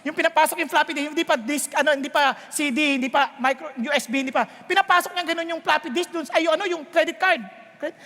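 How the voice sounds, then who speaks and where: High-voiced Filipino preacher in a hall. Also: male voice, fast. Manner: animated storytelling, mixing Tagalog and English. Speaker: pastor. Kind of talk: sermon. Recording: long hall reverb.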